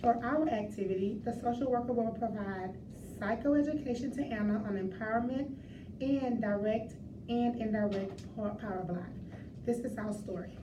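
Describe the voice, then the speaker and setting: A young woman reading a class project script aloud in a steady read-aloud manner. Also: fairly high pitch, normal speed. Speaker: narrator. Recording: roomy, distant, background noise.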